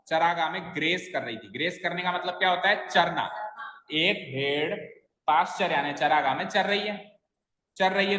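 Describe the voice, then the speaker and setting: A man with a high, bright voice teaches a grammar lesson, going step by step and putting questions to his students. The sound carries a long reverb, like a large room. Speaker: English teacher. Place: classroom. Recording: echoey classroom with long reverb.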